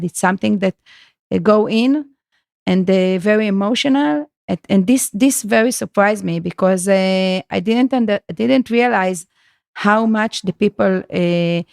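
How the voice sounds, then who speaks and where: A woman guest with a gravelly, creaky edge to her voice. She speaks haltingly, groping for words and starting her sentences over. The recording is dry and close. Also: medium pitch, darkish tone, no echo. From Israel. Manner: halting, searches for words, many restarts. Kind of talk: conversational podcast interview.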